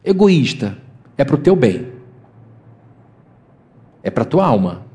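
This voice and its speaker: A man preaching a sermon as pastor in a conversational way, acting out quoted voices with sudden jumps in pitch. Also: very animated, takes it slowly, mellow.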